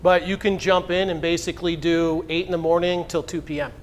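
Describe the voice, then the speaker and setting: A man leading a team sales meeting, energetic and hyping up the team. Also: fairly high pitch, brisk, slight background noise. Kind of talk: upbeat meeting announcements.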